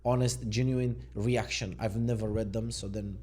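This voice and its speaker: A man's voice: fairly low pitch, steady tone, normal speed, darkish tone. Easygoing man musing aloud. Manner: musing, thinks aloud and questions what he reads; easygoing, laid-back. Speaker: mindset coach. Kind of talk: unscripted reaction video.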